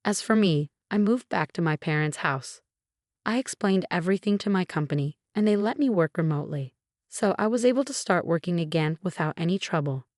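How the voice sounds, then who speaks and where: A woman tells a first-person story in a scripted narration. Her voice sits low and stays even throughout. The sound is close and dry, with no room around it. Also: brisk, no echo.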